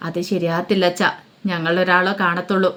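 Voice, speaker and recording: A woman doing a gentle, sorrowful grown daughter. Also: lowish voice, level tone, brisk, pitched below the performer's own voice, close to an everyday voice. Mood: pleading.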